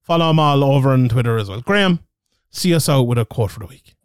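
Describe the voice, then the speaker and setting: An Irish man hosting a podcast and signing off the show in a relaxed, chatty way with plenty of fillers. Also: mid-range voice, quick pace, smooth, no echo, studio quality. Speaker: podcast host. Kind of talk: casual podcast chat, show sign-off.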